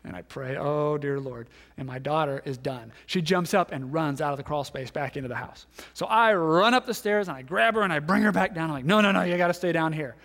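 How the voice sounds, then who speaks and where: A man in his thirties, a pastor giving a sermon, telling a story and acting out the voices in it, then dropping to hushed tones. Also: a little high, brisk, few pauses. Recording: long hall reverb.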